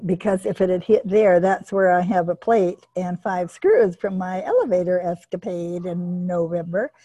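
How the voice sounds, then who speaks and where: A woman's voice: mid-range voice, warm tone, poor audio. A woman hosting an online workshop over a video call, chatty and stumbling over repeated words. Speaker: workshop host.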